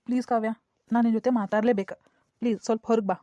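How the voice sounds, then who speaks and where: An earnest, pleading young office man in a cartoon comedy, as a woman voices him, in a North Karnataka Kannada accent. The voice is quick and rather high, with a dark, mellow tone. The recording is dull and dry. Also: steady tone, natural voice. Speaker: cartoon voice actor.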